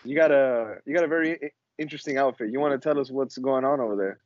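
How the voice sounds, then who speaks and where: A man's voice: mid-range voice, fast talker, darkish tone, dry recording. A man hosting a casual sports podcast with slangy frat-bro talk full of "yo", "bro" and "fam". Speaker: podcast host. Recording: slightly dull, close dry lo-fi sound.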